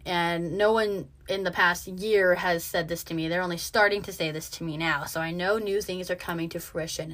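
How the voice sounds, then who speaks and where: A woman's voice: lowish voice, a bit bright. A young woman talking casually in a monologue, brash and self-assured, swearing freely and using lots of fillers.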